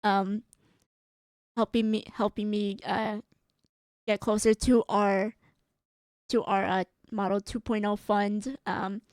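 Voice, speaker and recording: A woman's voice: mid-range voice, flat delivery, takes it slowly, pauses often, a little mellow, no echo, studio quality. A woman streamer chatting casually as she signs off, giggly and rambling, with a strained, tired voice. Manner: giggly and rambling, with frequent laughs and fillers. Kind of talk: casual stream sign-off chat.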